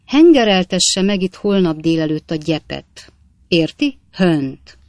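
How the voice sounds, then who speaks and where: A woman's voice: lowish voice, big pitch swings, darkish tone, no echo. A woman reading aloud and voicing a pompous, bullying landowner captain who barks orders at his gardeners. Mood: bossy. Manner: barking, bullying commands. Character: pompous blustering male landowner captain, middle-aged.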